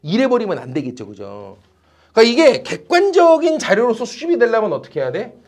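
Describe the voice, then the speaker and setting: A man teaching a class at a tutoring academy, animated and teasing, with blunt slang. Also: extremely high pitch, brisk. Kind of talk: classroom lecture.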